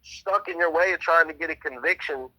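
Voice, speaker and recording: Fast-talking young man over a phone line. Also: on the high side, bright, forceful tone. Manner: rambling, profane, quotes others with "she's like". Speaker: trial witness. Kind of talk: casual phone conversation.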